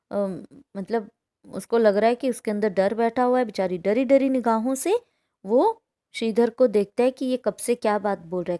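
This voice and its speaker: A woman's voice: medium pitch, mellow. A woman teacher reading a story aloud to pupils, then explaining it line by line and often asking "है ना?". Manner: reads a passage, then explains it with frequent "है ना?" checks. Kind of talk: explaining a textbook chapter to pupils.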